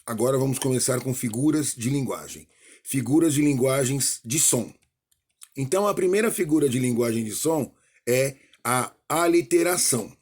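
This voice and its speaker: A man's voice: mid-range voice, breathy edge. A male teacher explaining a grammar lesson, often checking in with "ok?" and getting livelier as he gives examples. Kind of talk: recorded online lesson.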